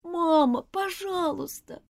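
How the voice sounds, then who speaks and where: Lady putting on a bratty little girl, high and whiny, pitch flying all over. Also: very animated, normal speed, darkish tone. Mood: pleading. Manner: whiny and pleading. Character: spoiled willful little girl.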